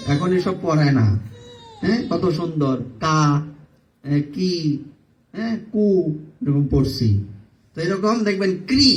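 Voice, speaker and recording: A man's voice: fairly high pitch, recorded from a distance, slight background noise. Bangladeshi Bengali man preaching, off-mic. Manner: teaches by repetition, drilling pronunciation and chanting aloud. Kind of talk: devotional sermon to a live audience.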